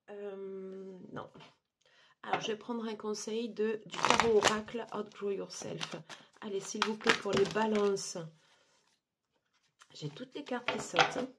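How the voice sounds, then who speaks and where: A woman giving a monthly tarot card reading, talking haltingly with many fillers and restarts. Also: medium pitch, a little hiss or hum. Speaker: tarot reader.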